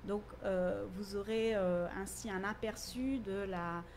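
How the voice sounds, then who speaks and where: A woman literature teacher, a guest in an interview, explaining her class's work in an articulate, measured way. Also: mid-range voice, fairly even intonation, darkish tone, slight background noise.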